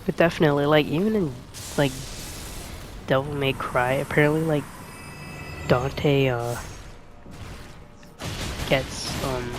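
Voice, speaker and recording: A man's voice: mid-range voice, a little hiss or hum. A young man talking over a game he plays, musing hesitantly with many fillers and restarts. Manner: hesitant, full of "like" and restarts, soft-spoken. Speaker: gaming streamer. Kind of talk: rambling commentary while playing a game.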